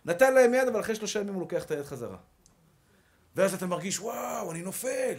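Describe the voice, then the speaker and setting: A male rabbi preaching a sermon with a notably high voice. He speaks emphatically and builds energy through repeated rallying calls. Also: sing-song.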